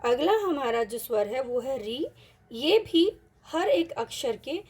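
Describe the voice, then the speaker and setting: A woman teaching an online Hindi lesson, patiently mixing in English words and repeating each example word slowly. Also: high voice, expressive, darkish tone, breathy edge.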